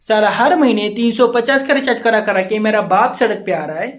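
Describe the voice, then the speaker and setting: A man's voice: high voice, a little fast. A man playing a frustrated young boyfriend who rants and badgers his friend with repeated questions in a comedy sketch. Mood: aggrieved. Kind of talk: Hindi comedy sketch dialogue.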